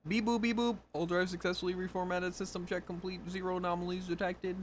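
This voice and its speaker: A man voicing a robot booting up, reading out system checks in a clipped, flat machine manner with beeps. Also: high-pitched, fast talker, slight background noise, pitched above the performer's own voice, lightly acted. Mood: robotic. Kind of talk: reading game text aloud in a robot voice.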